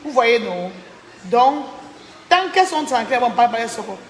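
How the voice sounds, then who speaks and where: A woman's voice: on the high side, very animated, brisk, reverberant, big-room sound, slight background noise. A tired woman chatting on a live stream, thanking viewers by name and venting about a falling-out. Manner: chatty, reads out viewer names, indignant. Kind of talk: casual live-stream chat.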